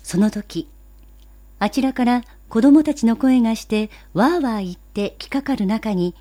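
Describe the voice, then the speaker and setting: A woman narrating a children's story in a gentle, even, politely old-fashioned way. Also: a little high, unhurried. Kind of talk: storybook reading.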